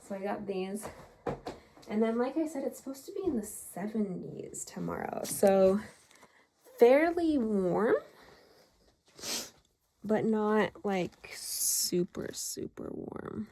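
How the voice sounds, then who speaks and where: A woman with an animated, warm mid-range voice talks slowly, with long pauses, while vlogging indoors at home. She rambles casually, full of fillers and a bit out of breath.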